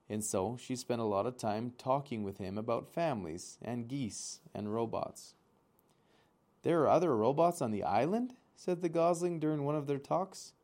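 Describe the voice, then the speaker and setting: A man reading a children's storybook aloud, expressive and speaking directly to his listeners. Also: mid-range voice. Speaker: audiobook reader. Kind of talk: storybook read-aloud with asides.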